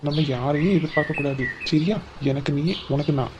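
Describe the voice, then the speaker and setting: A man voicing an aging father in a cartoon, speaking quietly with hurt and reproach. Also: a little high, fairly quick, lo-fi sound, noisy background, lightly acted. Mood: hurt, reproachful. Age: older. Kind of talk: Tamil cartoon voice acting.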